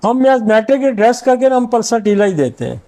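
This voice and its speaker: Middle-aged male homeopath, high pitch, soft mellow tone, self-assured lecturer who reels off remedy lists. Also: big pitch swings. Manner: confident, rattles off long lists of remedies. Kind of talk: informal medical lecture.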